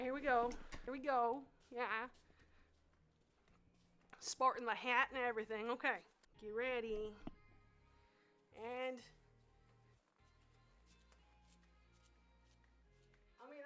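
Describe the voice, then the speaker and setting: A woman playing a brash, homespun pitchwoman in a comedic infomercial parody, with folksy, pushy sales patter. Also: fairly even intonation, measured pace, pauses often, fairly bright tone, faint music behind, rough recording. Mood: proud. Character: brash homespun woman pitchwoman Bertha selling gag gear.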